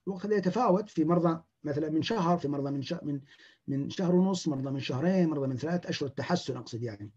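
A man, a clinician giving a lecture, talking in an animated way and acting out the words of patients. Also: on the high side, very fast, slightly rough, highs cut off.

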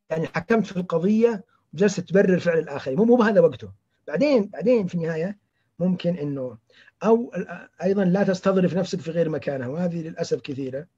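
Guy teaching a class, high husky voice, muffled lo-fi sound. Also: very fast. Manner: animated, quizzes students by name, acts out example dialogues. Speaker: trainer teaching patient counseling. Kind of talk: interactive lecture. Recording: muffled lo-fi recording.

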